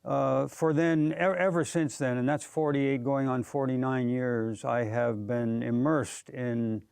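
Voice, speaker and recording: A man's voice: medium pitch, steady tone, a little slow, creaky, darkish tone, clear, resonant tone, dry recording. An American man in his sixties, a community activist guest, speaking earnestly and measuredly in a TV studio interview. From United States. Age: 60s.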